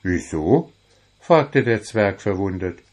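A man reading a children's story aloud in an unhurried, expressive way. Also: low voice. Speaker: narrator.

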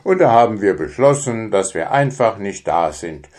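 A man's voice: on the low side, big pitch swings, normal speed, darkish tone. A man voicing a grumbling, evasive male mole father in a children's storybook. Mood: sheepish. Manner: grumbling, sulky.

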